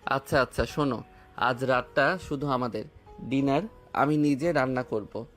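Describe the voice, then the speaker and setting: This is a romantic audio drama where a man portrays an affectionate young husband, teasing and tender, with soft music behind him. He uses a natural, mid-range voice at a measured pace.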